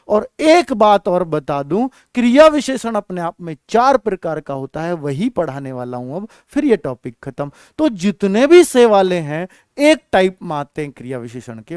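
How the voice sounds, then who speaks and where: A man's voice: high-pitched, a little mellow, smooth, no echo, studio quality. A man teaching an exam-prep grammar lesson, calling the students children and often checking that they follow. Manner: addresses students as children, asks checking questions. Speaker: Hindi teacher.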